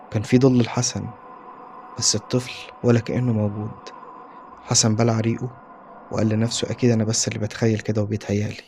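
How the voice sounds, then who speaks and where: A man's voice: mid-range voice, a little hiss or hum. A man with an Egyptian accent narrating a scripted horror story.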